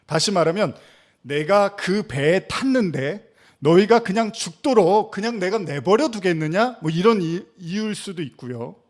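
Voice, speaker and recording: A Korean pastor preaching a sermon in an animated way, asking rhetorical questions and acting out quoted lines. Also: male voice, high voice.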